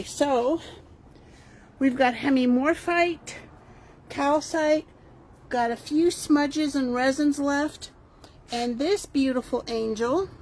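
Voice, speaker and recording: A woman's voice: sits high, darkish tone. A woman from Texas giving a casual, unscripted video tour as host, chatty, meandering and enthusiastic, filming by hand in a warehouse. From El Paso, Texas. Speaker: crystal shop owner and host. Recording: clear background ambient noise.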